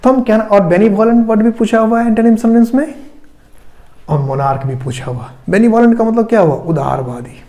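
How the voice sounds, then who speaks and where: A man's voice: high voice, mellow. A man with an Indian accent teaching English grammar, explaining each rule step by step and asking and answering his own questions. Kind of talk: classroom lecture.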